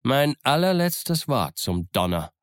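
A man voicing a cunning, blustering pirate leader on a crutch, loud and threatening, in an audiobook reading. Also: medium pitch, very animated, takes it slowly, clear, resonant tone, no echo, clean studio sound, voice pushed up. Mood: defiant.

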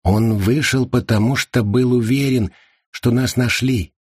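A man voicing a sharp, probing man who presses an AI with accusing questions in an audiobook. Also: medium pitch, steady tone, unhurried, husky, no echo, studio quality, voice pushed up.

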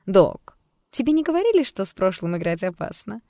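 An audiobook reader voicing a mocking, unhinged female alter ego who talks in a hoarse, hissing, capricious way. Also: mid-range voice, big pitch swings, brisk, dark tone, dry recording, clean studio sound, voice pushed up. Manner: taunting, capricious, cheeky. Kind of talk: audiobook character voice.

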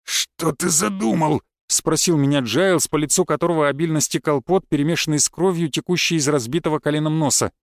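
A man narrating a first-person audiobook with a somewhat high voice. His delivery is calm, cold and matter-of-fact. The recording sounds dry and close. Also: quick pace, hardly any pauses, no echo.

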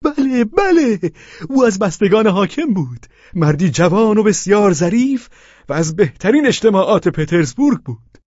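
A man putting on an overwrought fawning widower, raised pleading voice, husky tone, storybook reading. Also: expressive, darkish tone, no room sound, lo-fi sound. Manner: pleading, high and emotional. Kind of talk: audiobook character reading.

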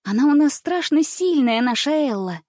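A woman voicing an honest, gentle young circus girl who speaks earnestly and simply. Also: sits high, lively intonation, moderate pace, no echo, clean studio sound, pitched above the performer's own voice.

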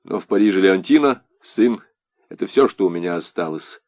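A man's voice: low-pitched, lively intonation, moderate pace, darkish tone, no room sound, studio quality, pitched below the performer's own voice. A man reading an audiobook voices a bitter, despairing soldier just back from a lost war. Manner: bitter, agitated.

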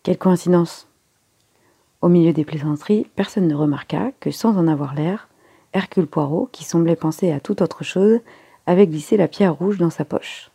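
A woman reading a story aloud as narrator, lifting her voice for the characters' lines, with a husky tone. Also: normal speed, dark tone, dry recording. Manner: voices the characters' lines with raised pitch and force. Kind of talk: audiobook reading.

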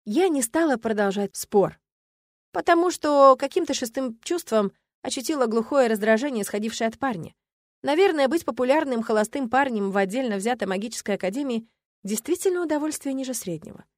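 Female audiobook narrator, fairly high, lively first-person read, dry sound. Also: a little fast, no room sound. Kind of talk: scripted narration.

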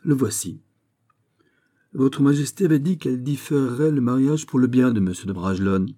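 A man voicing a calm older male nobleman who speaks in a measured, courteous and unyielding way. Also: medium pitch, pitched above the performer's own voice, natural voice. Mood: firm.

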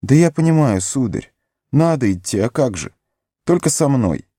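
For an audiobook, a man voices a loyal, fretful young male hobbit servant who stubbornly pleads in a raised, high voice, sobbing, tearful, and breathless. The delivery is very animated and mellow at a moderate pace, with clean studio sound and no echo.

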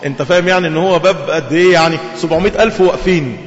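A man with an Egyptian accent delivers a lively sermon at a quick clip, his voice pitched high. He keeps asking the audience rhetorical questions. The recording is dull and lo-fi, with a long echo from a large hall. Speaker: preacher. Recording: echoey hall, dull lo-fi sound.

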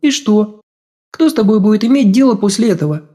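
A sharp-tongued young woman, as a male narrator puts her on, in an audiobook. Her voice sits well above his, with a soft, mellow tone and a slightly distant, changed timbre. She needles her lover with quick, pointed, reproachful questions. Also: high-pitched, lively intonation, voice pushed up. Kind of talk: audiobook character voice.

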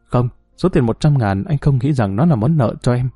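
A man voicing a patient middle-aged ex-husband who speaks gently and with resignation, in a mellow voice. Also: mid-range voice, lively intonation, moderate pace, slightly rough, dry recording, clean studio sound, faint music behind. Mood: resigned.

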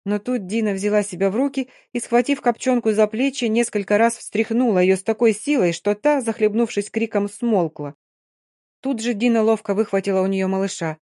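Woman audiobook narrator, even expressive reading, dry close mic. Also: mid-range voice, a little fast, no echo. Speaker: audiobook reader. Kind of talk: scripted narration.

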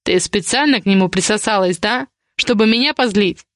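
A woman's voice: no echo, clean studio sound, lightly acted. A woman reading the lines of an angry, possessive man, a domineering guardian, with curt commands. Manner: curt, commanding, low and slow.

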